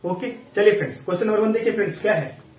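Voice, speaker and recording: A man teaching a reasoning class in a casual, coaxing way. He keeps asking the viewers questions, counts sums aloud in quick running tallies, and is still getting over an illness. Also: high-pitched, a little mellow, roomy sound, far from the mic, rough recording. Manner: chatty and coaxing, asks questions and answers them himself. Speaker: online exam tutor.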